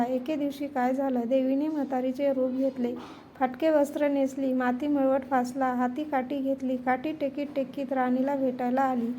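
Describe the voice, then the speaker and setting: A woman narrating a devotional story in a steady, measured storytelling manner. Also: high voice, a little hiss or hum.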